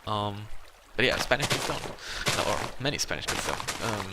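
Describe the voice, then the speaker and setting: Heavy background noise surrounds this man's low voice and lively intonation. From Germany and speaking with a German accent, he hosts a Let's Play video in a halting, hesitant ramble, chuckling at himself and tossing in self-conscious remarks.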